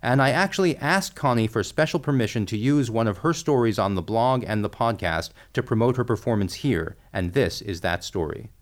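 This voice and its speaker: A man's voice: medium pitch, animated, normal speed, few pauses. Male podcast co-host presenting a segment. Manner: friendly, jokey presenter. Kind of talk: scripted podcast chat.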